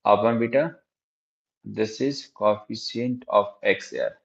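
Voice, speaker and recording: A dull, lo-fi recording of a man with an Indian accent. His voice sits fairly low. He teaches physics to an online class, repeating his questions and phrases as he addresses students familiarly. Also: slow pace, gravelly. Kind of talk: live online exam-prep lesson. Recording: dull, lo-fi microphone sound.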